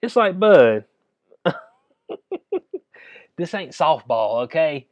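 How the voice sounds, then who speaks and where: A man's voice: on the high side, sing-song, very slow, no room sound, dull audio. A man with a Southern US accent giving a casual, comedic sports rant in an incredulous, slangy, chuckling manner. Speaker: commentator.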